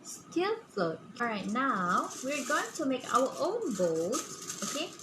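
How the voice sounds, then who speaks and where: A woman teaching a simple step-by-step preschool lesson like a kids show host, haltingly, often asking questions and checking in with "okay?". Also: sits high, big pitch swings. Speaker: preschool science teacher presenting a demonstration. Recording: clearly noisy room recording.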